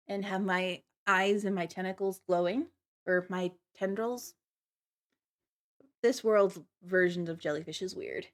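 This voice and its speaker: A woman livestreamer chatting casually to viewers, with a giggly, apologetic and slightly nervous manner. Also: medium pitch. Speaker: livestreamer, virtual avatar host.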